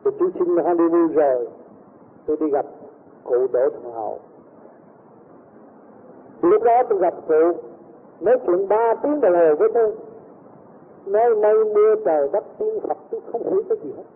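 A man's voice: sits high, normal speed, pauses often, husky. A man recounting a personal anecdote to a gathering, rambling along and acting out the voices of the people in his story. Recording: tinny lo-fi recording with faint noise.

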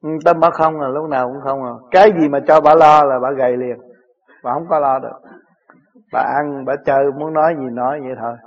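A man's voice: mid-range voice, steady tone, brisk, muffled recording. A man with a Southern Vietnamese accent, a spiritual teacher answering his disciples' questions in plain, chuckling stories. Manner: chuckling, plain-spoken storytelling.

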